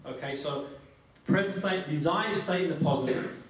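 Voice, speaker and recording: At normal speed and fairly high in pitch, a man runs a guided relaxation demo as a phobia therapy trainer, giving instructions and going back over the same phrases. He's with a group in an echoey training room, captured on a distant mic with heavy echo and a little background noise.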